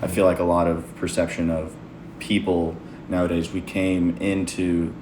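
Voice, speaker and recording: A man's voice: sits low, level tone, moderate pace. A young American man hosting a podcast, chatting in a rambling, opinionated way. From United States. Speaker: podcast host. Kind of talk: casual conversation. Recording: echoey room, faint noise.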